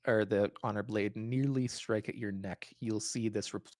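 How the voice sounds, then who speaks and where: A man narrating a tabletop game as game master, with measured, dramatic storytelling. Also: lowish voice, fairly even intonation, darkish tone, no echo.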